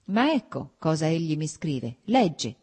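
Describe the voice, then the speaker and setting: A woman's voice: deep voice, sing-song, unhurried, a little mellow, breathy edge, heavily acted. A woman reading aloud, voicing a distraught young noblewoman who speaks in a trembling, tearful, pleading way. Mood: anguished. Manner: trembling, pleading, close to tears.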